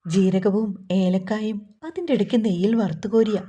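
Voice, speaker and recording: A woman's voice: medium pitch, steady tone, normal speed, warm tone. A woman reading a short story aloud as narrator, lifting her voice for the characters' lines. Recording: dull lo-fi recording.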